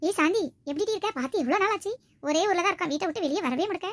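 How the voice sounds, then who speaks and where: Woman as a young village wife, blunt and lively, high voice, rattles off fast. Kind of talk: village comedy skit acting.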